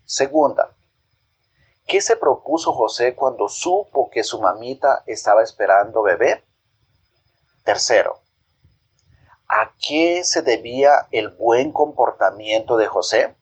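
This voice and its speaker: A man telling a Bible story to children in a gentle, expressive reading voice, then posing questions. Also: mid-range voice, takes it slowly, long pauses, slightly rough.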